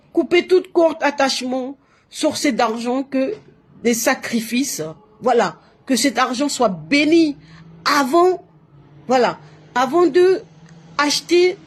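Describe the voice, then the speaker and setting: A woman from Latin America addresses her live-stream audience in French through her phone or webcam, sounding like a spiritual streamer offering advice. Her voice is high, animated, slow and slightly rough. The casual monologue loops emphatically, with repeated words, restarted sentences and recurring fillers.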